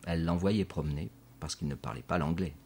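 Man reading a storybook aloud, super deep voice, bit husky, measured. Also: darkish tone. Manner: measured, storytelling delivery with dialogue tags. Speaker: narrator. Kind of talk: scripted audiobook narration.

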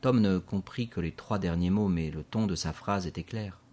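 Deep husky male narrator. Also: a little mellow. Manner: measured, storytelling delivery with dialogue tags. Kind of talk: scripted audiobook narration.

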